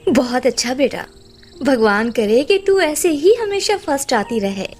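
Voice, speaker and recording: A woman's voice: sits high, lively intonation, measured pace, a little mellow, faint music behind. A woman voicing a loving mother bird in a cartoon story. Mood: tender.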